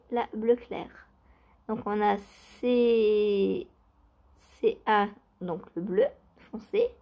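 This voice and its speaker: A woman chatting casually in a knitting vlog, laughing often and filling pauses with hesitations. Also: mid-range voice, highs cut off. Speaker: knitting vlogger. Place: outdoors or by open door, cool weather.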